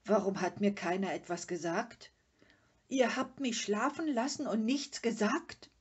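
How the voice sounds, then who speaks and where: A woman's voice: medium pitch, lively intonation, a little slow, mellow, slightly rough. A woman voicing a fussy, proud troll father who is easily offended, talking in an indignant, lecturing way. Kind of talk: storybook reading.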